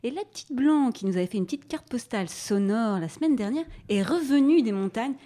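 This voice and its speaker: A woman's voice: a little high, animated, fairly quick, warm tone. Woman radio host introducing a guest. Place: radio studio.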